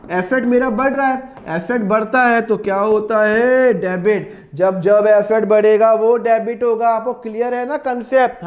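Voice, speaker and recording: A man teaching accounting in a lesson. He asks students' questions himself and answers them, and he draws out the entry names slowly. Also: sits high, roomy sound. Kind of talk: classroom-style lesson with self-posed student questions.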